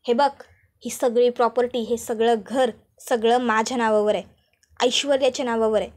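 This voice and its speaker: A woman's voice: on the high side, steady tone, moderate pace, natural voice. A woman voicing an arrogant, scheming young wife who taunts and orders the family around. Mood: gloating, bossy. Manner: taunting, commanding, shouting insults.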